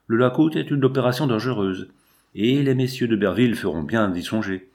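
A man's voice: medium pitch, expressive, a little mellow, close to an everyday voice. Man reading as a cold, calculating strike leader. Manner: measured, cool and persuasive. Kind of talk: audiobook reading.

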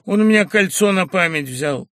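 A man voicing a tearful, distraught young woman in an audiobook, sobbing in a high, loud voice. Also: animated, moderate pace, no echo, clean studio sound.

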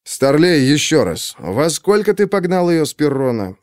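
A man's voice: a little high, sing-song, moderate pace, a little mellow, no echo, studio quality. A man voicing an irritable middle-aged police major with a curt, impatient manner. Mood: irritated.

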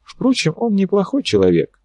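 A man's voice: high-pitched, wildly swooping pitch, normal speed, darkish tone, no room sound, voice pushed up, heavily acted. A man voicing a wry, worried young woman.

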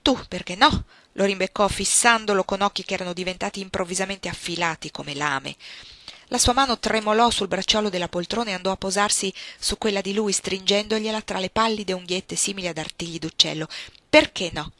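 A woman's voice: medium pitch, a little fast, pushed and bright, no room sound. Woman reading a literary audiobook. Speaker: audiobook reader.

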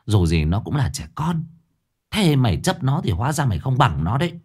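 A man voicing a stern village shamaness who scolds quickly and sharply. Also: mid-range voice, very animated, darkish tone, breathy edge, voice pushed up. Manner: scolding, brisk.

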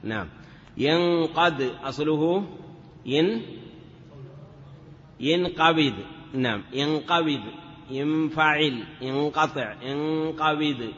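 Slow sing-song male teacher in a hall. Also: on the high side, fairly bright tone. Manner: chants word forms in a sing-song drill. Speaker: teacher of Arabic morphology. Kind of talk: classroom lecture. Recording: dull lo-fi recording with long reverb.

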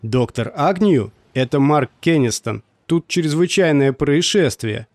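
A man's voice: a little high, expressive, a little slow, dry recording. A man voicing a tense, determined male doctor speaking in urgent, clipped lines.

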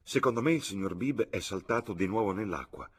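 A man voicing a stiff, bossy young gentleman who speaks in curt commands. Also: on the low side, animated, brisk, slightly rough.

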